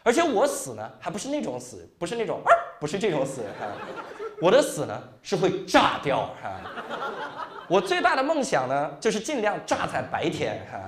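A young male comedian works a live stage set, spinning stories with constant little asides to the crowd. His voice sits high and leaps up and down with lots of movement. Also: fairly quick. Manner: animated storytelling with frequent tag 哈 and 是吧. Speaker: stand-up comedian.

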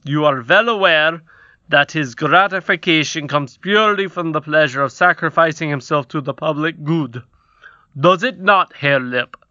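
A man's voice: fairly high pitch, normal speed, sharp tone, no room sound, highs cut off. A man voicing a pompous goblin king in a storybook reading, speaking in a stately, placating way. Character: pompous goblin king, middle-aged and squat.

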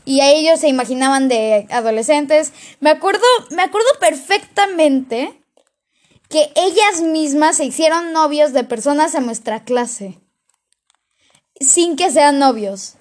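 High-voiced woman chatting casually. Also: measured pace. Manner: chatty storytelling with restarts. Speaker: co-host. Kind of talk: casual chat.

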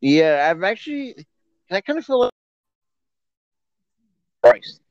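A man's voice: high voice, big pitch swings, slow pace, no room sound. Man on a call cutting in and out. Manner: hesitant, restarts mid-sentence. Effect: voice cutting in and out over an online call. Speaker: podcast co-host. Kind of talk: casual chat. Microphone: online voice call. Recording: dull lo-fi online call audio.

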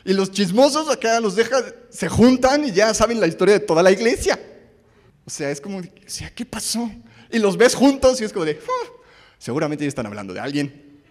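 A man's voice: sits high, very animated, brisk, long reverb tail. A man from Mexico with a Mexican Spanish accent, preaching a casual, joking sermon full of stories and questions to the audience. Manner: storytelling, conversational, asks the audience questions.

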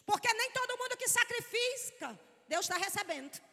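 Fervent high-voiced woman preaching. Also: lively intonation, moderate pace, pushed and bright. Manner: fervent, repeats phrases, breaks into tongues. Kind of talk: Pentecostal sermon with prophecy and tongues. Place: church. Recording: long church hall reverb with faint music.

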